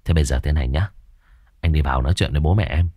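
A man voicing a brash young exorcist who mutters curtly in a low voice. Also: racing, dark tone, husky, no room sound, clean studio sound, full character voice. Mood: curt muttering. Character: cocky young male exorcist.

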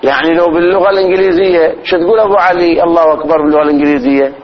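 A man, teaching religious law as a sheikh. He explains slowly, repeats phrases and demonstrates pronunciation. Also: fairly high pitch, steady tone, highs cut off. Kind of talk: religious lesson.

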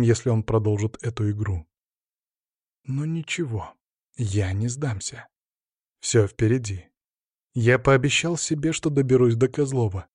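A man narrates an audiobook in the first person, steady and measured. His mid-pitched voice is recorded close to the mic, dry and without echo.

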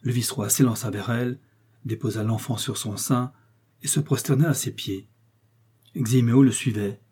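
A man reading a classic tale aloud as narrator, in a measured literary manner. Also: mid-range voice, fairly even intonation, dark tone, husky.

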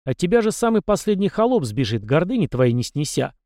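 A stern, barking army commander voiced by a man narrating an audiobook, lifting his voice high and loud to berate a foolish youth. The sound is close and dry, with no room around it. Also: very animated, a little fast, no echo. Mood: contemptuous. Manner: barking, scornful, raises voice. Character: gruff middle-aged male army commander, stern scolding mentor. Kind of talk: audiobook character voice.

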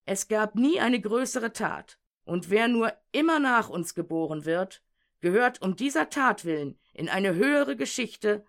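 A woman voicing an anguished, frantic madman with a lantern, declaiming in urgent, drawn-out questions, in an audiobook reading. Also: medium pitch, animated.

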